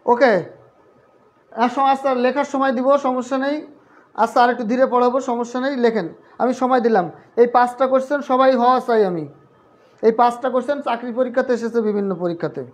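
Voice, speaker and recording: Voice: medium pitch, steady tone, fast. A grammar teacher giving a live online class, patiently repeating each point and quizzing the students.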